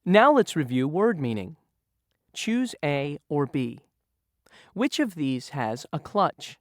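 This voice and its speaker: Slow, scripted quiz questions on word meanings come from a narrator acting as the reviewer in a vocabulary lesson, patient like a teacher. The medium-pitched voice swings widely in pitch and moves at a slow pace; the sound is clean studio audio with no room sound.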